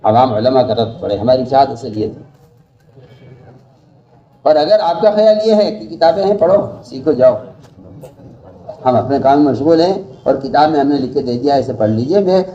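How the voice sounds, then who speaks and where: A male preacher delivers a sermon in a mellow, darkish voice, driving home his points by repeating phrases and lifting his pitch for stress. The recording is dull and lo-fi, and he sounds well away from the microphone. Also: lively intonation, pauses often, recorded from a distance. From India. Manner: emphatic, repeats phrases, rises sharply for stress. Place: large mosque hall.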